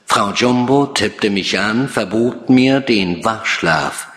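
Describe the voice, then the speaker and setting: A man giving a measured, deliberate reading of literary prose, like an author reading his own work. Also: fairly low pitch, lively intonation, a bit bright. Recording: long hall reverb.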